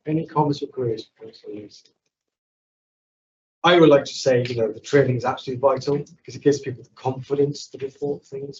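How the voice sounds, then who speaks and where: Guy chairing the council meeting, brisk, off-mic with some hiss. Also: medium pitch, a little mellow. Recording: distant, muffled mic with faint noise.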